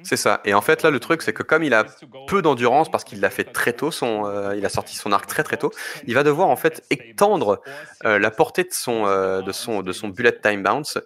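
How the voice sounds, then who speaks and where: A man's voice: mid-range voice, animated, fairly bright tone. Guy commentating a speedrun live, walks through the tricks bit by bit, lots of restarts, some jokes. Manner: explains technique step by step, halting restarts.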